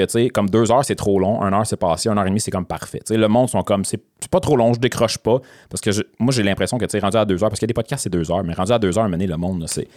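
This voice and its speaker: A man's voice: on the low side, a little mellow. A man with a Quebec French accent, co-hosting a podcast in casual chat, rambling through long explanations. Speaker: podcast co-host.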